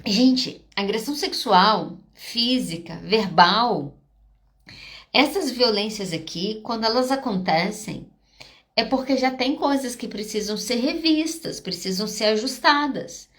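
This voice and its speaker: This Brazilian psychologist, a woman with a Brazilian Portuguese accent, speaks in a little high, expressive, slightly bright voice at a measured pace. She's hosting a live podcast talk answering audience questions, direct and emphatic, using short check-ins with listeners to drive points home.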